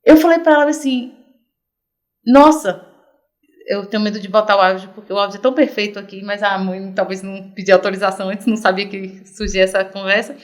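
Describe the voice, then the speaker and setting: Animated Brazilian woman telling stories. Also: medium pitch, quick pace. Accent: Brazilian Portuguese. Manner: animated storyteller, acts out quoted voices. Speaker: podcast guest. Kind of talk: casual chat.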